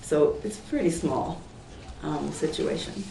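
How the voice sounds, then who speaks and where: Losing her voice and clearing her throat, a sixty-something woman from Portland, Oregon explains her plan unscripted to a public meeting as an applicant, full of fillers and self-corrections. Her gravelly voice sits low at a measured pace. She's far from the table mic in an echoey indoor community meeting room with faint noise.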